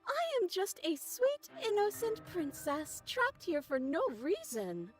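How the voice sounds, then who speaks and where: An actress playing a captive cartoon princess in a video game, putting on a fake, goofy sweetness with a grating, threatening edge. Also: female voice, very high-pitched, wildly swooping pitch, unhurried, exaggerated voice. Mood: feigned innocence. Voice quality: grating, sharp-edged.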